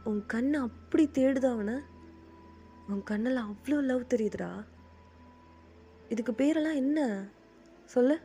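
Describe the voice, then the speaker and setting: A woman's voice: high-pitched, unhurried, long pauses, dark tone, faint music behind. A woman voicing a blunt young male friend who teases and scolds his crying buddy. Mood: scolding.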